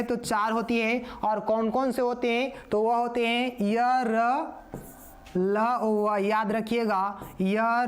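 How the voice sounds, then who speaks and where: A man teaching a live online grammar lesson. He repeats answers over and over, calls the viewers "yaar" and reads out their comment answers. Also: very high voice.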